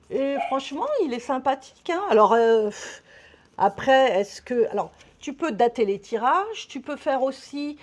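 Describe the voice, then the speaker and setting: A woman with a French accent chatting casually to camera as a vlogger, rambling and swearing lightly, a little out of breath. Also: high voice.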